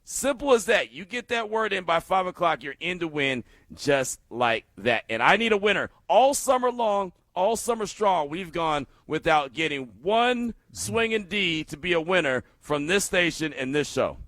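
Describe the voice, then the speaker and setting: Male sports radio host, upbeat storyteller, slightly high voice, dry close mic. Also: moderate pace, hardly any pauses, no echo. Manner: animated, laughing, storytelling. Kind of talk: energetic sports radio talk. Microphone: studio microphone.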